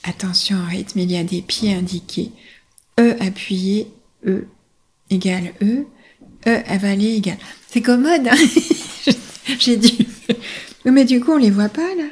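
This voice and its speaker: A woman voice-over announcer chatting playfully in an interview, often dropping into breathy whispered asides. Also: mid-range voice, a little slow, pauses often. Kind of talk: relaxed interview chat.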